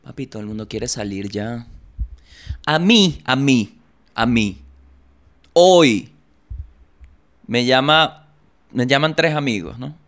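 A young Venezuelan man with a Venezuelan accent, hosting a comedy podcast and telling jokey stories in an animated way. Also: medium pitch, takes it slowly, pauses often. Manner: joking, animated storytelling with voices. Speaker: podcast host. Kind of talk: comedic monologue.

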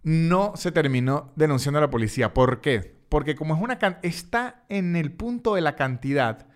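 A man's voice: fairly high pitch, animated, moderate pace. A young Venezuelan man hosting a podcast, telling a story casually, acting out the voices and repeating words for comic effect. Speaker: podcast host.

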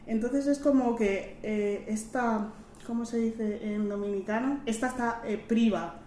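A woman's voice: fairly high pitch, steady tone, unhurried, dark tone, slight background noise. A young woman, a podcast guest telling personal stories in a reflective, conversational way. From Spain. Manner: reflective, storytelling. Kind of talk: casual conversational interview. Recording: roomy echo.

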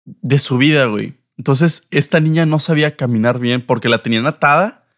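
A man's voice: medium pitch, brisk. A young man with a northern Mexican accent and a mid-range voice. He talks like a podcast co-host in a casual chat, informal and full of slang, swearing freely.

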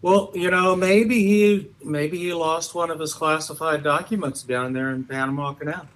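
Higher-voiced American man, dry jokes. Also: steady tone, normal speed, fairly bright tone. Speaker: podcast co-host. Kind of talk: unscripted political chat.

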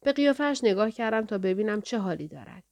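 A woman narrating an audiobook in a calm, even storytelling manner. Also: medium pitch.

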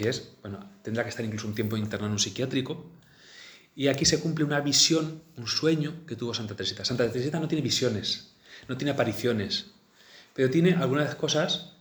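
A man telling a saint's life, reading passages and chatting about them with many fillers and restarts. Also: medium pitch. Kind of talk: storytelling talk mixing reading and comment. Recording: roomy echo.

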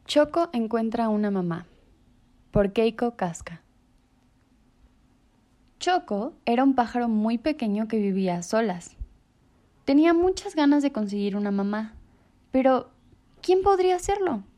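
A woman reading children's stories aloud on the radio in an expressive way. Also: fairly high pitch, normal speed, long pauses. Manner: expressive, animated read-aloud. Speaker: radio storyteller.

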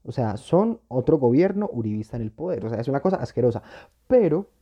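A man's voice: medium pitch, very animated, fairly quick, husky, dull audio. A man co-hosting a casual podcast chat, reacting with theatrical exclamations. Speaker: podcast co-host.

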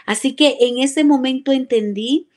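A woman's voice: high-pitched, unhurried. A woman giving a live religious testimony, speaking earnestly and emotionally. She often addresses the listener as "brother" and restarts phrases as she recalls events. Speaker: church member giving a testimony.

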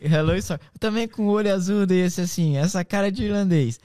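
A man hosts a chatty podcast with an accent from Brazil's São Paulo interior. His voice is cracked, reedy and hoarse, and he talks in a slangy, animated storytelling way. The sound is dry and close. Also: high-pitched, fairly quick, no room sound. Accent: Brazilian, interior São Paulo state. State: hoarse from shouting. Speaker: podcast host.

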